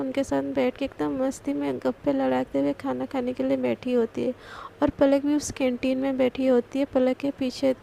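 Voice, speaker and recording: A woman's voice: high voice, creaky, dark tone, slight background noise. A woman narrating a serialized love story in a plain, conversational retelling.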